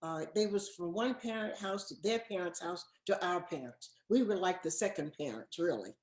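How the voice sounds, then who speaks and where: A woman's voice: lowish voice, lively intonation, normal speed, darkish tone. A woman in her eighties, a guest in a casual interview, speaking earnestly and repeating words for emphasis. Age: 80s. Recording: echoey room.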